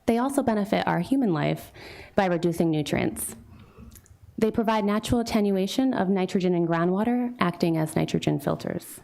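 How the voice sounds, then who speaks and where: A marine scientist and water quality specialist from Fall River, Massachusetts gives a prepared public presentation into a microphone at a town meeting room. Her fairly low voice is animated, fairly quick, creaky and a little mellow.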